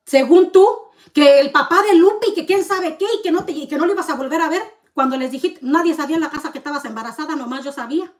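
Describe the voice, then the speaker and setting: A woman's voice: high voice, fast talker. A woman vlogger, ranting at the camera in a heated, accusing way and firing off rhetorical questions. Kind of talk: heated confrontational rant to camera.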